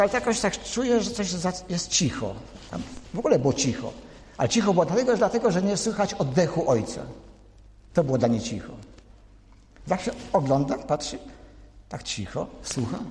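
A man's voice: on the high side, warm tone, a little hiss or hum. A man preaching a sermon, telling family stories in a chatty, anecdotal way and speaking straight to the congregation. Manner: conversational, anecdotal, addresses the congregation directly. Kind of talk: storytelling sermon. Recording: echoey hall reverb.

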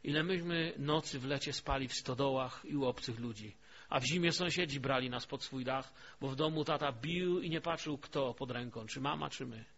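Emphatic preacher, lo-fi church recording. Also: male voice, mid-range voice, moderate pace. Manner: storytelling, swings from hushed to emphatic. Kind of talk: sermon. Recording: dull lo-fi recording.

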